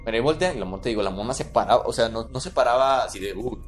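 A man with a Mexican accent tells an eerie story in a relaxed podcast chat. His voice sits at an ordinary pitch, and he keeps checking in with his listener. Faint music plays behind him. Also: racing. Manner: tells a spooky tale, checking in with "¿no?" and "¿verdad?".

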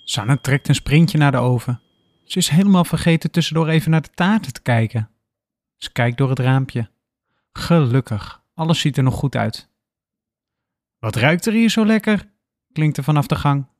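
A man reads a story aloud in a calm, even storytelling manner. His voice sits at a middle pitch for a man. The recording is dry, with no room sound. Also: normal speed, dry recording. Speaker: narrator. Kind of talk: scripted story narration.

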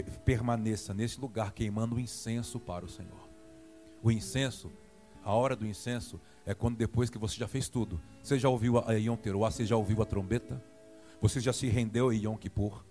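A man with a Brazilian Portuguese accent preaching a sermon, acting out dialogue and prodding the congregation. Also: medium pitch. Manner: animated, acts out dialogue and prods the congregation.

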